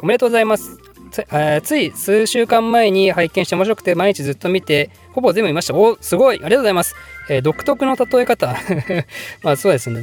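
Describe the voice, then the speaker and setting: Casting: quick-talking male host, high and very lively, voice edited a touch higher, rambling and self-deprecating, faint music behind. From Japan. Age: adult, working. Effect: voice pitched up slightly in editing. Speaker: history channel host answering viewer questions. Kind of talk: casual Q&A monologue.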